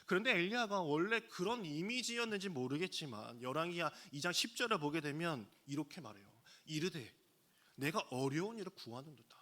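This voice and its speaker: A male pastor gives a sermon as a story, his voice bright and forceful and pitched slightly high. He drops into quick acted-out quotes between the narration. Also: animated. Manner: storytelling, acting out quoted lines with sudden pitch jumps. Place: church sanctuary.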